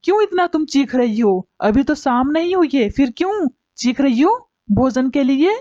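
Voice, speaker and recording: A woman's voice: high voice, expressive, moderate pace, mellow, no room sound. A woman voicing a lazy, thieving male bird in a cartoon, a grumbling husband with a whiny manner. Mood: grumpy. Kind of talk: cartoon voice acting. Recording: dull lo-fi recording.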